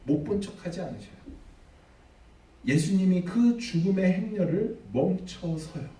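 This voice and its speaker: A man's voice: high voice, expressive, a little slow, dark tone. A man preaching a sermon as pastor, dramatic, acting out the figures he quotes. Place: church sanctuary. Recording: echoey hall, mic at a distance.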